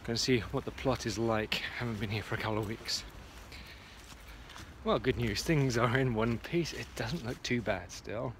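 A man in his forties talks casually into a phone held at arm's length, pottering around an allotment outdoors. His tone is chatty and self-muttering, with faint outdoor ambience and distant traffic behind him. The pitch sits in an ordinary middle range for a man. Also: normal speed. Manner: chatty, muttering to himself as he works. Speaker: vlogger. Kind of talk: casual walk-and-talk vlog. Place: outdoor garden allotment at dusk. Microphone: phone camera at arm's length.

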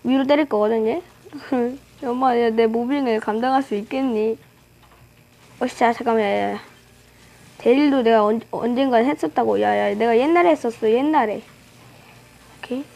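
High-voiced woman narrating her gameplay. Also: normal speed, vocal fry, pauses often, warm tone, low-quality recording. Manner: playful, teasing trash talk at opponents. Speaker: gaming channel host. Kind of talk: live game commentary.

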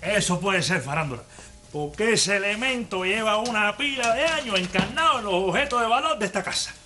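A man's voice: high-pitched, animated, fairly quick, sharp tone, a little hiss or hum. A man with a Cuban accent playing a teasing, joking friend in a TV comedy sketch. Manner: teasing, mocking. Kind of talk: TV sitcom acting.

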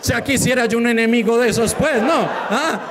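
A man with a Colombian Paisa accent doing an animated stand-up set, tagging his punchlines with a quick questioning grunt. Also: very high voice, a crowd in the background, noisy background. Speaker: stand-up comedian. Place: comedy stage before a live audience. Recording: live show with a loud audience.

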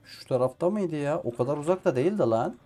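A man's voice: on the high side, animated, fast, dark tone, faint music behind. A man playing a survival game and commenting casually, swearing at the game and talking to himself and the characters on screen. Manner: frustrated, swears at the game often. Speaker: gameplay streamer. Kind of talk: casual let's play commentary.

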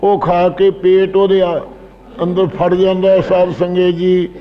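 A man's voice: high voice, monotone, unhurried, in a large hall, dull audio. A man earnestly expounding scripture line by line, addressing his listeners directly.

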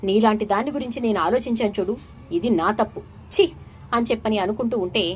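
A woman's voice: mid-range voice, brisk, soft background music. A woman retelling a TV serial episode, acting out the characters' lines in quoted dialogue.

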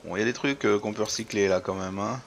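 Low-voiced man narrating gameplay. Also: fast talker, a little hiss or hum. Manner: chatty, mutters to himself, addresses viewers. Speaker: let's play host. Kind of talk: casual gameplay commentary.

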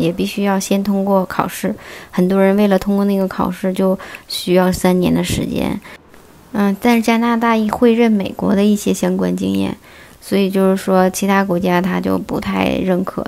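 A woman talks viewers through their questions in a steady, explanatory voice-over. Her delivery stays level and even, with a gravelly, fry-touched edge. She strings her points together with small connective fillers. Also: medium pitch. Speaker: vlogger answering viewer questions.

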